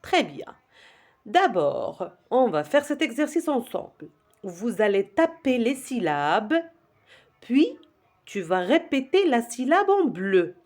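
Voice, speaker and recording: A woman teaching a reading lesson to young children, slowly sounding out words and repeating them for the class to echo. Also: a little high, sing-song, darkish tone.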